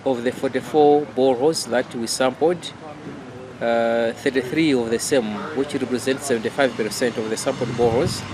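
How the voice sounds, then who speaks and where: A man's voice: mid-range voice, steady tone, moderate pace, background noise. A man speaking as a water authority official, factual. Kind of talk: interview statement.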